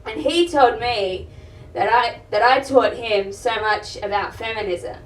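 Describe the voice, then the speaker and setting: A woman's voice: a little high, a little slow. A young woman performing a stand-up comedy set, blunt and swearing, rambling with fillers, in a live venue with an audience. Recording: roomy live venue, mic heard from a distance. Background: audience laughter and room noise.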